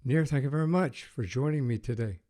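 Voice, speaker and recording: Mellow-voiced male podcast host. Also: medium pitch. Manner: measured, hesitant with fillers when chatting. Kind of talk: podcast interview with scripted intro.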